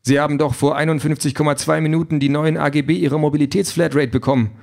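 A man's voice: a little high, steady tone, quick pace, vocal fry, darkish tone, voice pushed up. A man voicing a fussy, overly formal self-driving car that is eager to please. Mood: prim, polite.

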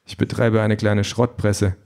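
A man's voice: on the low side, level tone, a little slow, gravelly, a little mellow. A man voicing a weary young man who answers in a dry, terse way. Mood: dry, glum.

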